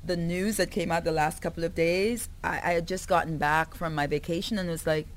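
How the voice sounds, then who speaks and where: Woman, Caribbean-born publicist guest, lower voice, animated and laughing. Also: brisk. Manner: animated, laughing, repeats herself. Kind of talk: conversational interview.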